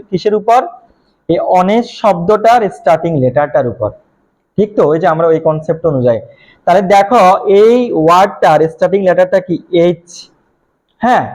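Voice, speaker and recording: A young man with a high voice teaches a recorded lesson. He poses questions to his students and answers them himself. He goes back over each point patiently, step by step. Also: a little mellow, poor audio. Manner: repeats points slowly and patiently. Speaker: English teacher.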